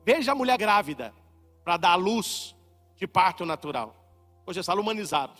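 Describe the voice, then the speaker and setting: High, lively Brazilian preacher man. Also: normal speed, in a large hall, faint music behind. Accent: Brazilian Portuguese. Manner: animated preacher, acts out little dialogues, swings from soft to loud. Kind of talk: sermon.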